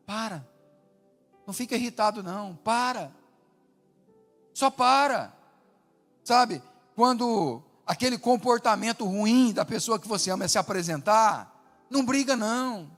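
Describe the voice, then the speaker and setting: A man preaching a sermon as pastor, animated, swinging between loud calls and hushed asides. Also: sits high. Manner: animated preaching with acted quotes, rising and dropping to a hush. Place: large church hall. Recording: long hall reverb with faint music.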